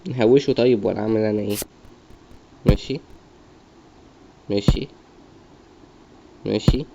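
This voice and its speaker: A man's voice: on the low side, steady tone, a little slow, creaky, warm tone. A young man with an Egyptian Arabic accent, commentating his gameplay as he mutters repeated self-coaching. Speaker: gamer. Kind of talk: gaming commentary. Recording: dull lo-fi mic, faint noise.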